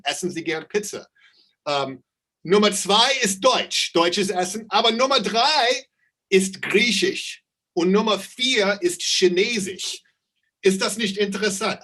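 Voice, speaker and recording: A man teaching a live online German class, slowly repeating questions and reading out his students' answers. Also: high-pitched, bright, forceful tone, slightly rough, low-quality recording.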